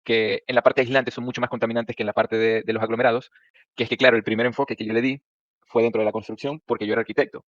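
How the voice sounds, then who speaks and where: A man's voice: mid-range voice, little pitch movement, racing, dry recording. A man from Venezuela with a Venezuelan Spanish accent, a startup founder explaining his project casually, full of fillers and tag questions. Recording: dull, dry lo-fi sound.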